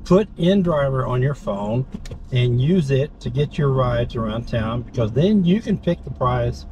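A man's voice: medium pitch, animated, a little slow. A man hosting a vlog while driving, chatting informally and often checking with short tag questions. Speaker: vlog host and driver. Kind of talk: casual chat while driving. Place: inside a car, driving. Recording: noisy moving car interior. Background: car and road noise.

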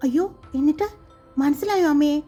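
A woman voicing a gentle young woman who asks soft, wondering questions. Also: high-pitched, brisk, faint music behind, natural voice. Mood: curious.

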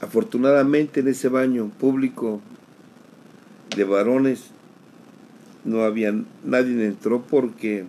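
A middle-aged man, giving an emotional personal testimony at a recovery group, slowly, repeating phrases for emphasis. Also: mid-range voice, steady tone, warm tone, slight background noise, low-quality recording. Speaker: sharer at a recovery group meeting.

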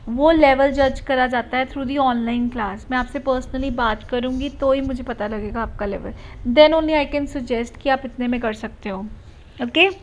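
A woman IELTS teacher with a slight Punjabi accent runs a live online class, mixing Hindi and English and reassuring her students. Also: high voice. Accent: Punjabi-tinged Indian English. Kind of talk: live online class, reading viewer comments.

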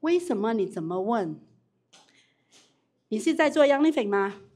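A woman runs a live business training, her voice sitting a little high. She is animated, asks the room questions and restarts her sentences often, talking straight to the people in front of her. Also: a little slow. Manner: animated, repeats questions to the audience, frequent restarts. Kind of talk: live training talk with audience Q&A.

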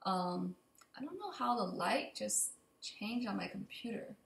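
A young adult vlogger with a mid-range, fairly bright and expressive voice, slightly raspy from allergies and edged with vocal fry, gives a casual, unscripted update to camera. She talks haltingly and rambles, recorded by a computer mic at desk distance in an echoey open kitchen and living room.

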